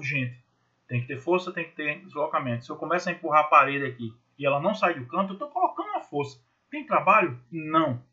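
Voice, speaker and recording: A man's voice: on the high side, pushed and bright, lo-fi sound. A man teaching a physics class in Brazilian Portuguese, chatty and jokey, repeating key points and voicing students' questions himself. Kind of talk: recorded online class.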